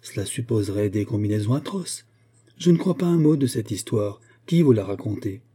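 A man's voice: on the low side, animated, a little fast, mellow, husky. A man voicing a haughty, disbelieving aristocratic mother in an audiobook. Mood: dismissive. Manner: dismissive, disbelieving. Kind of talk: audiobook character voice.

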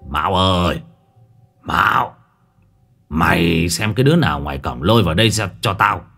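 A man voicing an irritable, foul-mouthed old landlord in a spoken ghost story, with a gruff, scolding manner. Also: extremely low pitch, measured pace, fairly bright tone, soft background music, pitched below the performer's own voice, exaggerated voice. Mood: grumbling. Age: older.

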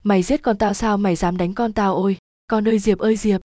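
Brief: woman doing a weeping older village mother, mellow tone, close and dry. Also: mid-range voice, fairly even intonation, fairly quick, no echo, lightly acted. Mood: wailing. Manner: sobbing and pleading.

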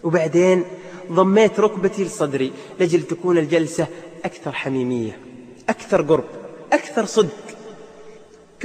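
A man's voice: sits high, darkish tone. A man telling a religious story in a dramatic, emotive way, his voice rising suddenly. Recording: long reverb.

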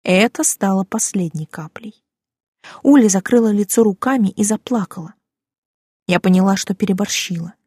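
A woman narrating first-person fiction in a lively, expressive reading voice. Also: mid-range voice, moderate pace, husky, dry recording, clean studio sound. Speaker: audiobook narrator.

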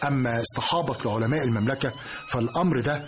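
A man playing a brisk, formal prince with an Egyptian accent in a radio drama. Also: medium pitch, a little hiss or hum, lightly acted. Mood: congratulatory. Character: brisk, formal prince, king's son bearing news.

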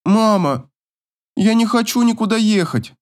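A frantic teenage girl in an audiobook, her voice pitched far up and near breaking, as a male narrator puts her on. She pleads and screams hysterically, lively and desperate. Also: unhurried. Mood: pleading.

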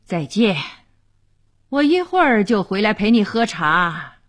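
A woman's voice: mid-range voice, sing-song, measured pace. A woman voicing a cold, proud count who speaks curtly, in a radio storytelling reading. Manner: curt and stiff.

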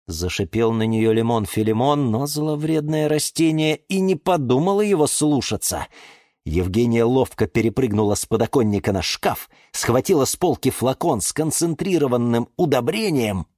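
A narrator reading a children's story aloud in a lively, expressive way. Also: mid-range voice, dry recording, clean studio sound.

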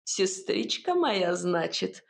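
A woman voicing a mocking male sorcerer villain who speaks slowly and with a sneer in an audiobook. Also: medium pitch, big pitch swings, vocal fry, full character voice.

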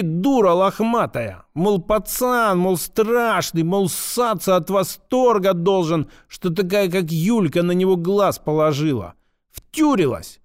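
A man's voice: sits high, clear, resonant tone, voice pushed up, full character voice. A man reading an audiobook, voicing a very drunk woman with an almost childlike voice who squeals and swears. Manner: squealing, screeching, vulgar.

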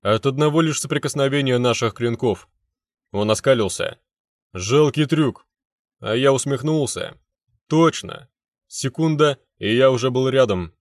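A man's voice: medium pitch, normal speed, no echo, clean studio sound. A man reading a first-person fantasy story aloud with intense, dramatic delivery. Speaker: narrator.

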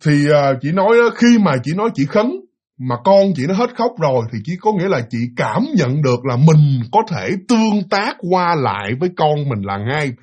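Southern vietnamese guy telling a ghost story, bit high, husky voice. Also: big pitch swings, normal speed, a little mellow. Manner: chatty, addresses listeners, many restarts. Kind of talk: retelling a listener's spirit story.

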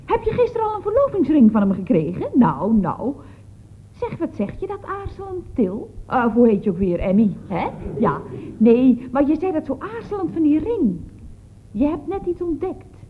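A woman's voice: sits high, moderate pace, slight background noise. An actress playing a chatty, gushing female office clerk in a 1960s radio comedy. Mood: gossipy. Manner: chatty, gushing, lively swings of tone. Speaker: office receptionist at a building firm. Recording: old phone-like radio recording.

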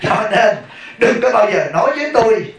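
A man's voice: high voice, lively intonation, moderate pace. A man giving a chatty dharma talk as a monk. He tells stories, laughs often and keeps asking the audience questions. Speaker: Buddhist monk teacher. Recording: echoey room, mic far off.

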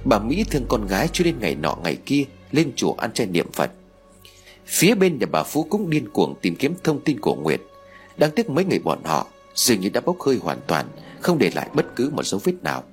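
A man narrating a dramatic family story in a lively, expressive reading. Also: mid-range voice, a little fast, soft background music. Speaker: audiobook narrator.

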